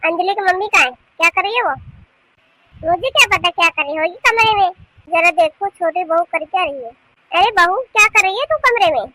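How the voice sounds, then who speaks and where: A woman voicing a nagging old mother-in-law in an animated cartoon, calling loudly for her daughters-in-law and questioning them. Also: extremely high pitch, a little fast, a little hiss or hum. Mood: commanding. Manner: scolding, questioning, loud calls.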